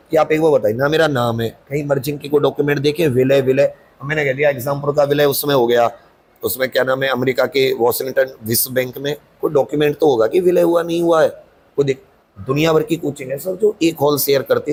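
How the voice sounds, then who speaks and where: Coaching teacher defending himself in an interview; husky, insistent, talks in long runs. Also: male voice, medium pitch, darkish tone. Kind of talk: interview answers.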